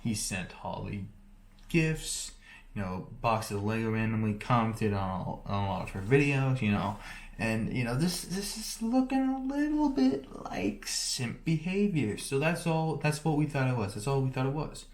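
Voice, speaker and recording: A man's voice: lowish voice, normal speed. A man giving a joking, mock-serious conspiracy rant as a YouTuber, rambling and often restarting his sentences. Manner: rambling, self-interrupting, half-joking deadpan.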